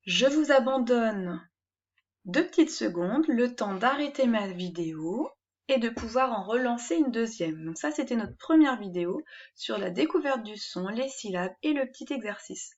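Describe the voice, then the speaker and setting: A woman teaching a reading lesson, sounding out syllables one at a time and giving clear instructions to young learners. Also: on the high side, lively intonation, dull audio. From France. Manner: slow, syllable-by-syllable dictation.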